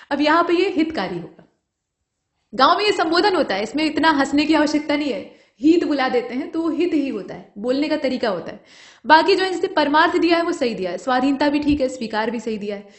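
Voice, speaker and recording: A woman's voice: high voice, roomy sound. A woman teaching an exam-prep grammar lesson, patiently explaining each answer and putting rhetorical questions to her students.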